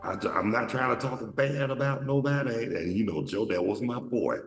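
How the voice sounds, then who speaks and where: At normal speed and with soft music in the background, a man from Atlanta, Georgia hosts a show. His deep voice rambles through casual, profane stories with lots of restarts, and the mic sits far off in an echoey room.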